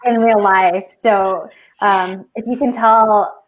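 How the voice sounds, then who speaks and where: A woman hosting a podcast asks her guests questions in an ordinary mid-pitched voice. She sounds enthusiastic and often stumbles and restarts her sentences. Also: steady tone, slow, noisy background. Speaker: podcast host. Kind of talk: interview host questions.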